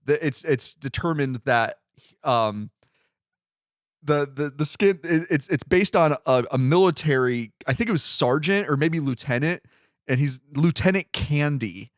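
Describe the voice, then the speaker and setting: Podcast co-host, man, lively rambling talker, slightly high voice, dry close sound. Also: a little slow, dry recording. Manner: rambling, self-correcting storyteller. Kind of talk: casual podcast chat.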